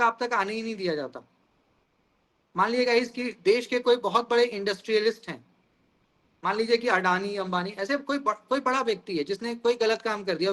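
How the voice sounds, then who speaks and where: A male teacher delivers a lecture in a high, bright voice. He explains each idea through everyday examples and keeps turning to the class with questions. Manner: explains with everyday examples, often asks "guys".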